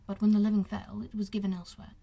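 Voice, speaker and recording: Woman reading as husky, aggrieved young gentleman officer. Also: medium pitch, flat delivery, fast. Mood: earnest. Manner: formal, earnest, confiding. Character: wronged young gentleman officer, smooth-talking, self-pitying. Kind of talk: audiobook character dialogue.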